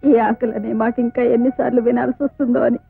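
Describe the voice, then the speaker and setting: A woman's voice: fairly high pitch, level tone, fast talker, gravelly, breathy edge. An actress playing a poor, sorrowful mother speaking tenderly to her young son. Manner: soft, grieving, tender speech to her son. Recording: tinny lo-fi film audio with music.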